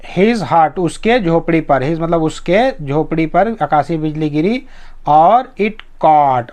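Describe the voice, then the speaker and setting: A man teaching English reading in Hindi, reading each sentence slowly word by word and patiently explaining every word's meaning. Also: sits high. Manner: patient, repeats meanings and asks "na?" to check understanding.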